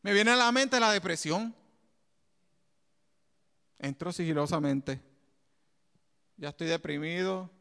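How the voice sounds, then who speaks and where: A man preaching a sermon in an animated way, with side remarks and laughter. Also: high-pitched, slow, pauses often, clean tone, long reverb tail.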